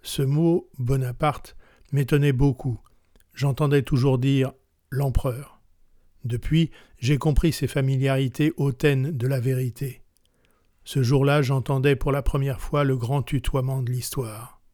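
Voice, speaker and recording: A man narrating a literary text aloud in a measured, solemn way. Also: medium pitch, steady tone, mellow, no echo, studio quality. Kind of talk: literary reading.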